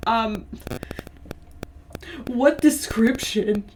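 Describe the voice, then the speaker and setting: Young woman, streamer, slightly high voice, giggly, sarcastic, casual reading with commentary. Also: very slow, a little mellow, slight background noise. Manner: giggly, sarcastic, laughs often mid-sentence.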